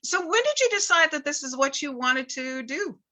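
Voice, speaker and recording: Bright lively woman host. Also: high voice, normal speed. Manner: upbeat, asks with rambling restarts. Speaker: interview host. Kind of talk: casual interview questions. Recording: dull online call audio.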